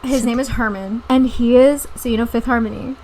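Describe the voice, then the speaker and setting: A woman's voice: on the high side, brisk, low-quality recording. A woman co-hosting a podcast, chatting casually and telling stories with lots of laughter. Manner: giggly, animated storytelling. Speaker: podcast co-host. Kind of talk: casual chat.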